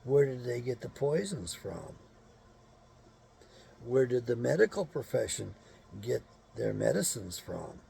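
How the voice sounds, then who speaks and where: A man's voice: mid-range voice, very animated, a little slow, gravelly, long pauses, mellow, a little hiss or hum. A man hosting his own show, talking in a blunt, rambling monologue full of cursing and rhetorical questions. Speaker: show host.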